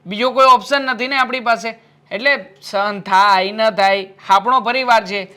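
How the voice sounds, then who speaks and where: Peacemaking husband, bright mid voice, calm and soothing. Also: male voice, high voice, moderate pace. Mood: placating. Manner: calm, placating. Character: patient husband caught between wife and mother.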